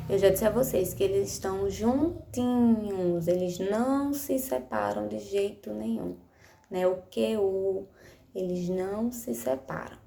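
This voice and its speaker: Slow, patient teacher woman. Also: medium pitch, vocal fry, dark tone. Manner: slow, patient, stretches out words for young pupils; affectionate diminutives, checks understanding with frequent "né?". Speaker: primary school teacher. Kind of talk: recorded remote lesson for children. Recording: echoey room with faint noise.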